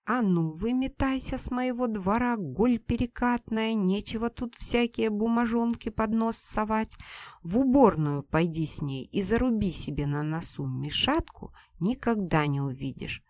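A woman narrator voicing a fierce, harsh older village mother who scolds loudly and coarsely, in a dry recording. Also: medium pitch, expressive, a little slow, no room sound, voice pushed up, close to an everyday voice. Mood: furious.

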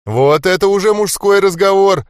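Brash jeering bruiser, put on by a male audiobook reader, pitched up, bouncy delivery. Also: very animated, moderate pace, dry recording, studio quality. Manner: loud, jeering, laughing taunts. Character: brash cocky swearing male fighter, mocking. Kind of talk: audiobook character voice.

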